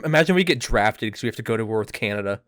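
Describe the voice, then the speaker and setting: A man's voice: lowish voice, expressive, racing, fairly bright tone, no room sound, clean studio sound. A young man in a casual podcast chat, talking like a frat bro with loose slang and easy swearing. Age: young adult. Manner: laid-back frat-bro talk, peppered with dude and swearing. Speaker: podcast host.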